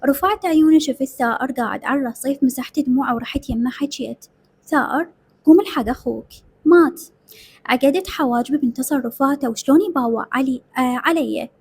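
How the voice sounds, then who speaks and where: A woman's voice: high-pitched, fast, a little mellow, breathy edge. A woman with an Iraqi accent narrating a dramatic story in the first person, emotional and tearful. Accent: Iraqi Arabic.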